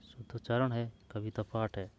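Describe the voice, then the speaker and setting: A man with a low, mellow voice goes through old test papers question by question. He reads out each option, then repeats the choices over and over as he works toward the answer. He talks to the listener in a casual, friendly way. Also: level tone, normal speed, lo-fi sound. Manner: informal, addresses listener as यार and भाई, repeats options while checking answers. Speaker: exam prep teacher. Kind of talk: solving old exam questions aloud.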